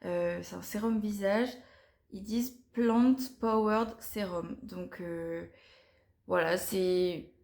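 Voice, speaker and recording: A woman's voice: mid-range voice, creaky, a little mellow. Hesitant chatty young woman vlogger. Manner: chatty and hesitant, frequent pauses and restarts. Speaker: beauty vlogger. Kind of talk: casual product review to camera.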